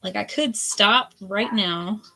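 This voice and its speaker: A hoarse woman in her forties, a potter chatting candidly while she throws clay at the wheel. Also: medium pitch, slow, sharp tone. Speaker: potter streaming a throwing session. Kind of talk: casual chat while working. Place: pottery studio with lo-fi music on.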